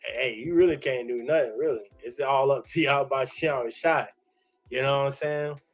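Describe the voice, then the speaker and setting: A man streaming a reaction to a clip, talking in an excited, slangy way and tagging lines with "man". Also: medium pitch, normal speed, faint music behind. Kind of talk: casual live reaction commentary.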